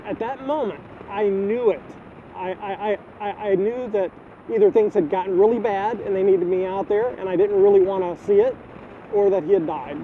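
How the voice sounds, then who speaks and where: A middle-aged man in a personal video diary, halting and repeating words, choked up with grief. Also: high voice, fairly even intonation. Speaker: vlogger. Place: outdoors, filming the neighborhood. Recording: tinny phone-like audio, faint wind noise.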